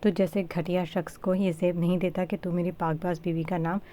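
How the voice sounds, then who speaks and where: A commanding young husband from a storybook reading, delivered firm and clipped, as a woman narrator reads him. The voice is low-set and barely changed from the narrator's own. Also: level tone, fairly quick, mellow, slight background noise, lightly acted. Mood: stern. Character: protective stern young husband, cold and commanding.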